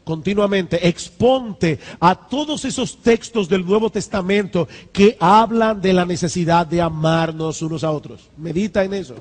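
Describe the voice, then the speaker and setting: A man's voice: high voice, measured pace, few pauses, darkish tone. A man preaching a sermon as pastor, emphatic, repeating key lines and building to fervent exhortations. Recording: church hall with long reverb.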